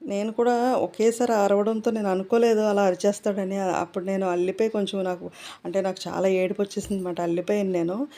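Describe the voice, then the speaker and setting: A woman's voice: medium pitch, level tone, brisk, mellow. A middle-aged woman vlogger chatting casually to her viewers, rambling with many fillers. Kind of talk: casual chat.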